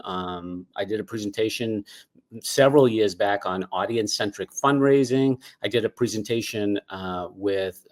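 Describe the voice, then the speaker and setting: A middle-aged man with a Boston accent, giving a relaxed, chatty webinar presentation with frequent fillers. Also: mid-range voice.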